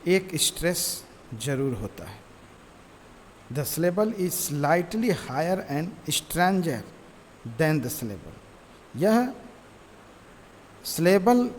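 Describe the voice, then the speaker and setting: Slow-paced man teaching a lesson. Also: a little high. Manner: reads English lines slowly word by word, then explains, repeating "ठीक है". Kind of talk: teaching lesson, reading English text aloud and explaining in Hindi. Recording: roomy reverb with faint noise.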